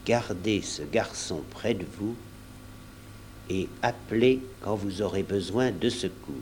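A man voicing an earnest middle-aged doctor who speaks urgently and gravely. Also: lowish voice, slow, a little mellow, slight background noise.

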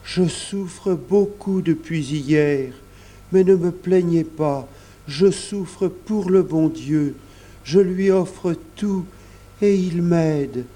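A man voicing a gravely ill, gentle and pious young boy in a storybook reading, with a faint, weak, plaintive voice. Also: a little high, extremely slow, voice pushed up.

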